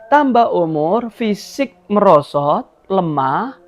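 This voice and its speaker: High-voiced Javanese-accented preacher, animated. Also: male voice, takes it slowly, soft background music. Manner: lively, mixes in local phrases, acts out quoted voices. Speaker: Islamic preacher. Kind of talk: religious sermon. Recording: dull lo-fi live stream audio.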